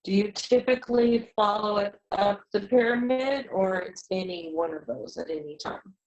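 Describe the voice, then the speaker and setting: A woman on a video call with a poor connection, asking questions in a halting way that repeats words. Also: medium pitch, a little mellow, muffled recording.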